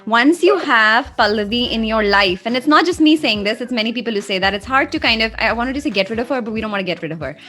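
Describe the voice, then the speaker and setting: A woman's voice: fairly high pitch, lively intonation, fast talker, hardly any pauses, fairly bright tone, soft background music. A woman hosting a podcast, introducing her guest and chatting in a playful, teasing way. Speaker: podcast host. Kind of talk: casual podcast conversation.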